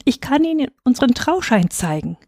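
Sprecherin als verlegener junger Ehemann, eifrig, stolpernd, trockene Aufnahme. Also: female voice, mid-range voice, lively intonation, normal speed, dark tone, no echo, clean studio sound, close to an everyday voice. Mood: flustered. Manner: eager, stumbling over words. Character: flustered young newlywed man.

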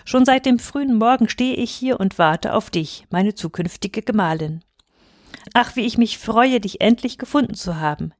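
A woman voicing a filthy, brash young man in a storybook, calling out loudly and excitedly. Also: on the high side, normal speed, dry recording, clean studio sound. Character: filthy, brash young male lout, eager to marry.

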